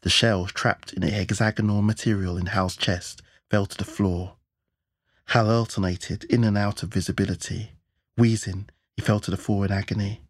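A man narrates a story in a very low, husky voice. His delivery is measured and matter-of-fact. The recording is close and dry, with no room sound. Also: level tone, dry recording. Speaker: audiobook narrator. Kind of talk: scripted narration.

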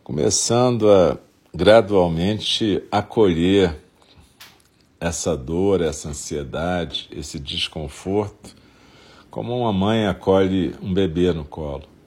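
Very low, breathy Brazilian man guiding meditation. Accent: Brazilian Portuguese. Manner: soft, soothing, gentle delivery with long pauses. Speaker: meditation guide. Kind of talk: guided compassion meditation.

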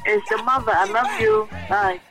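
A woman's voice: on the high side, very animated, moderate pace, creaky, over music. A woman leaving a short voicemail for her child, heard over a landline phone.

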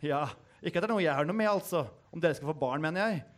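A man's voice: a little high, close to an everyday voice. A sly middle-aged mother-in-law with a sing-song, mock-sweet lilt, as a man reads her lines aloud. She needles with every word. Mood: teasing.

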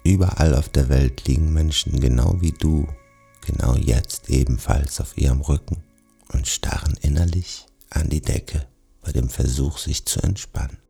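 Man, sleep story narrator, soothing and gentle, dark mellow tone, creaky fry, guided meditation. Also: rumbling low, moderate pace, soft background music. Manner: soothing, gentle, addressing the listener softly.

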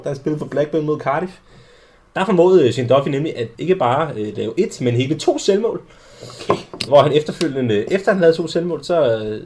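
A young adult man hosting a casual sports podcast, telling lively anecdotes with many restarts. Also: on the high side, background noise. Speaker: podcast host. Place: small studio.

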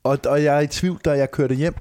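A man co-hosting a casual comedic podcast, halting and stumbling through his story, dropping dry quips. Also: fairly high pitch, fairly even intonation, warm tone. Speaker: podcast co-host.

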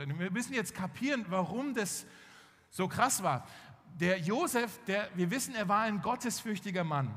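A man's voice: high-pitched, fairly bright tone. A man preaching a sermon, telling the story vividly and acting out the dialogue. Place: church hall. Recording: long hall reverb.

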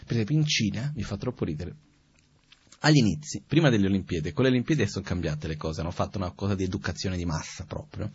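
A man giving a Buddhist teaching in a calm, conversational way, asking rhetorical questions as he goes. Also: deep voice, fast talker, a little hiss or hum. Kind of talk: spoken dharma teaching. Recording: dull, dry, lo-fi recording.

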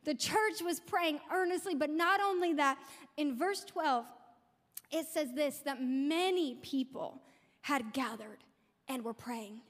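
Speaking slowly in a very high voice, a woman pastor preaches an emphatic sermon, stressing key words and repeating them. The church sanctuary gives her voice a long reverb tail.

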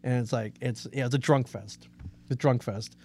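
A man's voice: medium pitch, fairly even intonation, normal speed, a little mellow. Rambling joking man on a podcast. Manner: rambling, joking, self-deprecating. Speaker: podcast co-host. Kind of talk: casual chat.

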